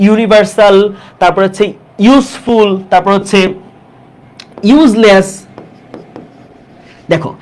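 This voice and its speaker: Woman teacher, exam-prep grammar lesson, lively rising and falling voice, fairly high pitch, constant check questions to the class. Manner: repeats key words slowly for emphasis. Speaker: English teacher.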